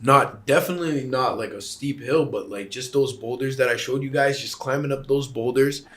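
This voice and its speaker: Man, mid-pitched voice, casual storytelling, emphatic, animated retelling. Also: moderate pace. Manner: animated, emphatic, acts out what was said. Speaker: hiker recounting a climb.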